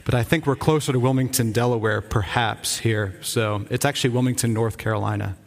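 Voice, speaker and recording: In a church sanctuary with long hall reverb, a Rhode Island man serving as a visiting church-planting pastor gives an informal update from the pulpit. He is earnest and enthusiastic, though he halts and restarts his sentences often. His voice is mid-range with vocal fry and fairly even intonation.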